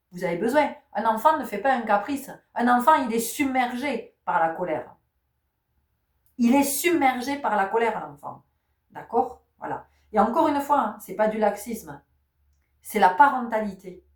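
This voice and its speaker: A woman's voice: fairly high pitch, lively intonation, moderate pace, far from the mic. A woman giving a spiritual teaching talk. She repeats her key words and asks many rhetorical questions. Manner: says she is not giving medical advice. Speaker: spiritual channel host. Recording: roomy sound, voice set back from the mic.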